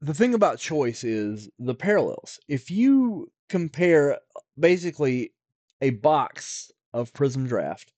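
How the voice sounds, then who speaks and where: A man's voice: on the high side, very animated, takes it slowly, darkish tone, no echo. A man co-hosting a podcast, chatting casually about collectibles, often restarting his sentences and filling gaps with fillers. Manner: rambling, with repeated restarts and fillers. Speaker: podcast co-host, card expert. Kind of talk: casual chat.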